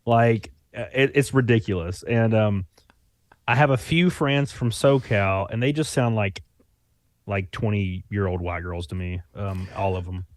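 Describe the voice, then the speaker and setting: A young man with a Southern Alabama accent, a YouTuber guest, talks loosely in a casual conversation full of fillers and restarts. His voice is lowish and unhurried, and the recording is dry with clean studio sound.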